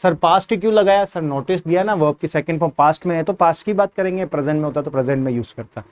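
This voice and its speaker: High, clear-voiced male teacher. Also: quick pace. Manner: repetitive, quizzing questions, spells words letter by letter. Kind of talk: exam-prep English grammar lesson.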